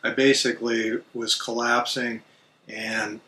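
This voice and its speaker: A middle-aged man telling a personal story as a vlogger, in a casual, plain-spoken and measured manner. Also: medium pitch, flat delivery, creaky, pushed and bright, recorded from a distance. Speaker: vlogger recounting RV life.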